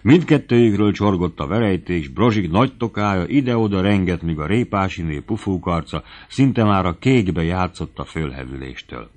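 A man narrating a classic novel as an audiobook, telling the story in a lively way. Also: deep voice, hardly any pauses.

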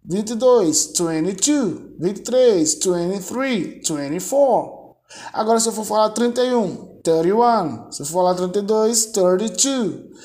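Slow, patient male English teacher. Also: high voice, a little mellow. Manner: patient, drills numbers by repetition, frequent tag questions. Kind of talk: online video lesson.

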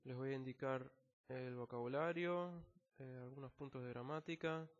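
An English teacher with an Argentine Spanish accent patiently works through a technical text word by word in a screen-recorded language lesson, using frequent fillers. His voice is mid-range at a normal speed, on a slightly dull lo-fi recording.

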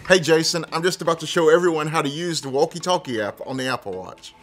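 Here a man in his thirties, a tech presenter, talks viewers through a relaxed how-to tutorial one step at a time, chatting as he goes. He speaks fast, with a fairly high voice.

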